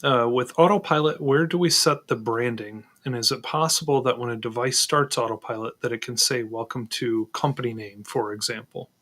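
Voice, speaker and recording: A man's voice: mid-range voice, normal speed, few pauses, fairly bright tone. Hesitant man demoing on screen. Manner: hesitant, many ums, second-guessing himself. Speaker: co-host answering questions. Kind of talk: live Q&A with screen demo.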